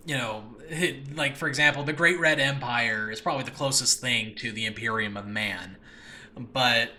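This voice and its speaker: A medium-pitched man hosts a solo podcast, rambling casually and excitedly about the audio drama he's creating. He's animated and off-the-cuff, sprinkling in chuckles and mild swearing. He records indoors in a makeshift home setup, with faint background noise.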